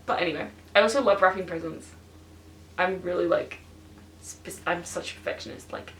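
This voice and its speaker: A woman's voice: mid-range voice, roomy sound. A talkative teenage girl rambles to her camera, bubbly and full of "like"s. She sits back from the mic in her bedroom, so her voice rings in the room and sounds a little distant. A faint hiss lies under her voice. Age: teens. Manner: chatty and excitable, lots of fillers. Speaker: vlogger. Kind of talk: casual chat to camera. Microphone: stationary camera.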